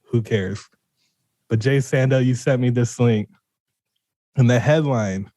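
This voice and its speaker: A man's voice: medium pitch, a little slow, mellow, no room sound, studio quality. A man from Arizona co-hosting a podcast in casual chat, cursing freely and often breaking into laughter. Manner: giggly, keeps breaking into laughter, swears freely. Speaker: podcast co-host.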